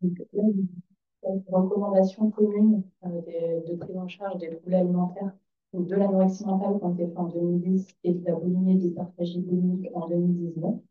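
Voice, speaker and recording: A woman delivers a medical presentation in a lowish, hoarse voice, raspy and breathy as if nearly lost. The sound is roomy and somewhat dull. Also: flat delivery, a little fast, faint music behind. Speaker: child psychiatrist presenting at a conference. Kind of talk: conference presentation. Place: conference room. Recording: echoey, distant, dull hall microphone.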